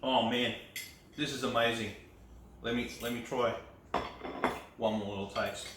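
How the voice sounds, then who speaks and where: A man's voice: medium pitch, fairly even intonation, measured pace, very echoey, far from the mic, background noise. A man, chatting casually through a home cooking vlog in an upbeat way. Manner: chatty, upbeat, laughs often. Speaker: cooking vlogger. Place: home kitchen.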